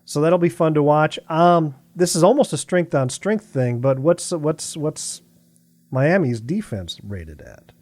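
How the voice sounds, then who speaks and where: A man's voice: fairly high pitch, expressive, unhurried, a little mellow. A man co-hosting a casual football podcast, teasing and making dry jokes about announcers. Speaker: podcast co-host. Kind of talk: casual sports chat.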